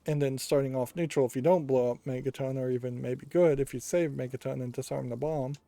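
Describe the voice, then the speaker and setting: Mellow man thinking aloud over a game. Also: mid-range voice, fairly even intonation, a little fast, vocal fry, dry recording. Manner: musing, analytical, thinking aloud. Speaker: host of a video game playthrough. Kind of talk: casual game commentary. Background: game music.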